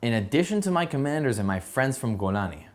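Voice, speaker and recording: A man's voice: mid-range voice, very animated, fast. Young man earnestly reading his story. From San Diego, USA. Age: young adult. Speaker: soldier telling his story. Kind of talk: read personal testimony.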